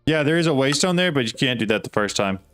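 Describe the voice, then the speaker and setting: A man streaming a game and talking to himself as he works, his voice at an ordinary middle pitch. He keeps asking quick, puzzled questions as he hunts for things. Faint game music plays behind him. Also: expressive, a bit bright. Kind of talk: casual live gameplay talk.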